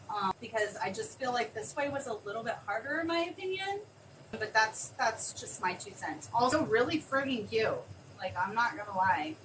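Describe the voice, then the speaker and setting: A woman demonstrating a craft on a live stream, chatting excitably and thinking aloud as she works. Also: fairly high pitch. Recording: distant mic with clear background noise.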